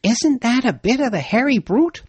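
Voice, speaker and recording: A man voicing an excited, anxious young hunter who whispers in a high, eager voice. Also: normal speed, slightly rough, no echo, full character voice.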